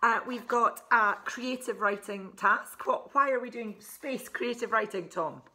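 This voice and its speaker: Speaking at a measured pace with a fairly high, sharp-toned voice, this Scottish author in her forties presents her children's book from a furnished living room. Her chatty explanations are simple and sprinkled with asides.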